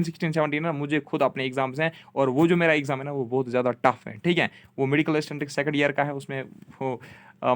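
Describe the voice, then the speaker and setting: A young man teaching an exam-prep geography lesson, mixing Hindi and English, asking himself questions and answering, often repeating "ठीक है". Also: on the high side. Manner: mixes Hindi with English terms.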